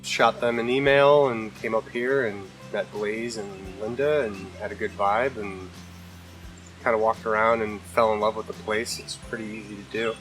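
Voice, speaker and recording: Relaxed farm worker, a man. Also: fairly low pitch, normal speed, soft background music. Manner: relaxed and casual. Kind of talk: documentary interview.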